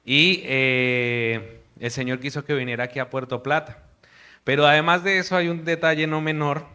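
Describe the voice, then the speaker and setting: A man's voice: a little high, fairly even intonation, normal speed, clear, resonant tone. A young man from Colombia, a missionary preaching an earnest sermon to a congregation. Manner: earnest, warm preaching with hushed prayer.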